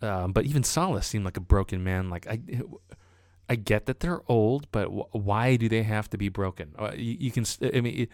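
A man's voice: fairly low pitch, normal speed, a little mellow, no room sound, clean studio sound. A man in casual podcast chat, hesitant, stammering over repeated words and fillers. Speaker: podcast co-host.

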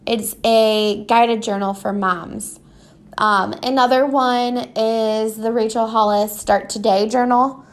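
A woman hosts a podcast alone, rambling unscripted about her personal habits in a casual chat. Her slightly high voice is stuffy and a bit scratchy from allergy congestion, and she speaks slowly with fairly even intonation.

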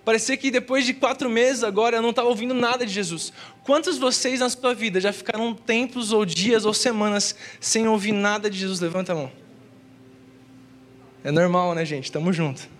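High-voiced young Brazilian preacher. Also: male voice, fairly quick, fairly bright tone. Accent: Brazilian Portuguese. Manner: slangy and earnest, peppered with "cara" and "velho". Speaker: youth preacher. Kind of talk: casual testimony sermon. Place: church.

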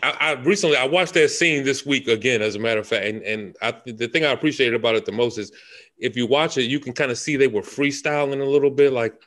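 A man's voice: medium pitch, fast talker, fairly bright tone. A man co-hosting a podcast, speaking casually with frequent hesitations and filler sounds. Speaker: podcast co-host. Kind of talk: casual chat.

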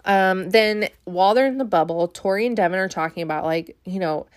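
A woman's voice: medium pitch, brisk, dry recording, studio quality. A woman casually recapping a reality show episode, chatty and wry, full of "like" and "um" fillers.

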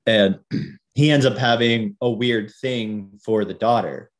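A man's voice: fairly low pitch, slow pace. Chatty man laughing between thoughts. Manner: chatty, laughs often, rambling asides. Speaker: podcast co-host. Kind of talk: casual chat about TV and film.

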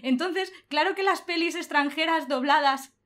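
A woman's voice: high voice, moderate pace. A young woman, chatting casually and laughing often. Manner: animated, laughs often, colloquial. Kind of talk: casual chat.

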